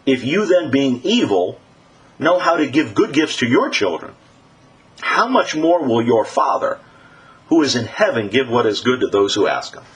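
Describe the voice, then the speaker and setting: Male preacher delivering a sermon, animated and emphatic, with a mid-range voice that swings widely. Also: medium pitch, normal speed. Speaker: congregation preacher.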